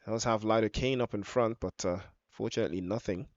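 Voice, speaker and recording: A man doing live esports football match commentary, stretching out excited shouts on goals and big chances. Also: on the low side, brisk, no echo, dull audio.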